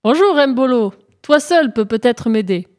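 A woman's voice: on the high side, expressive, a little slow, a little mellow. A woman voicing a humble male shepherd in a folk tale, speaking respectfully and with admiration. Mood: admiring.

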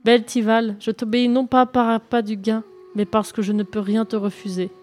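A woman's voice: a little high, flat delivery, normal speed, a little mellow, faint music behind, lightly acted. A woman reading a storybook and voicing a young knight, declaring his aims in a raised, firm tone. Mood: tender. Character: young determined knight, lovesick.

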